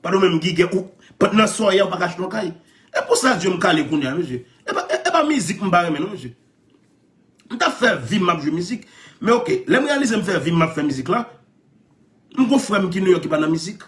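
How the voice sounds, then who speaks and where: A man with a Haitian Creole accent telling stories in animated chat, laughing often and repeating his phrases. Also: high voice, brisk.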